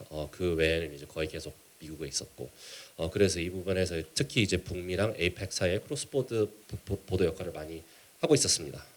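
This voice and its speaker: A man with a Korean-American accent gives a conference presentation in a halting, measured way, mixing in English business terms. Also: low voice, darkish tone. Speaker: keynote speaker, startup mentor.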